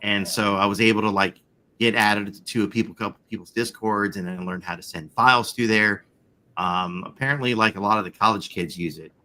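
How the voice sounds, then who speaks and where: A man in his forties who lives with chronic back pain is chatting casually, rambling with plenty of fillers and an occasional swear. His voice is on the low side, a little fast, and sounds pushed and bright.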